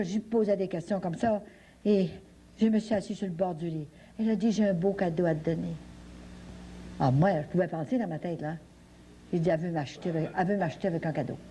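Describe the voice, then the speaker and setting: A woman's voice: fairly low pitch, warm tone, slight background noise, rough recording. A woman gives a folksy personal testimony at a religious retreat, telling her story with many fillers and repetitions. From French Canada. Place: retreat hall.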